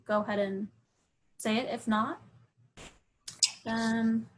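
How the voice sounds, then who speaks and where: A woman hosting and moderating a casual video call in a brisk way. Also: fairly high pitch, level tone, rough recording. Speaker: meeting host.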